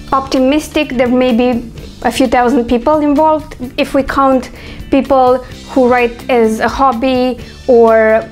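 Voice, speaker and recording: A woman from Romania, talking through her thoughts in a casual, chatty vlog with frequent fillers. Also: on the high side. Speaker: author and vlogger.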